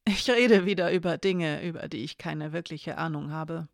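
A narrator voicing Elena, a young woman who speaks quietly and matter-of-factly, often half muttering. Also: medium pitch, expressive, moderate pace, vocal fry, dry recording, clean studio sound. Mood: subdued.

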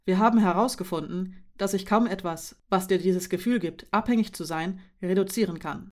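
A woman reading aloud voices a careful young man who speaks calmly and cautiously to his partner. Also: lowish voice, moderate pace, natural voice. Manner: calm, cautious, soft-spoken.

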